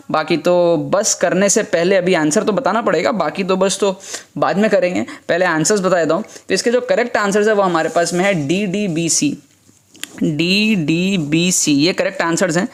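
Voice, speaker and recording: A man's voice: high voice, fairly quick. A young man teaching an exam prep lesson in a casual, chatty way, repeating his points and checking in often.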